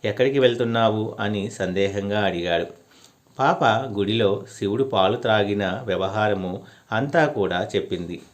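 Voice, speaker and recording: Man, low voice, devotional story narration, earnest and steady. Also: unhurried.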